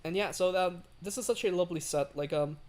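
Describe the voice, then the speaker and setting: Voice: mid-range voice, fairly quick, darkish tone. A livestreamer chatting casually while building a railway in a game, rambling with many fillers and greeting chat. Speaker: livestream host.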